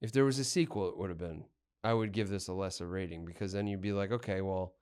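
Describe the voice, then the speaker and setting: A man co-hosting a casual movie podcast, talking excitedly with quick restarts. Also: low-pitched, clean tone. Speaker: podcast co-host.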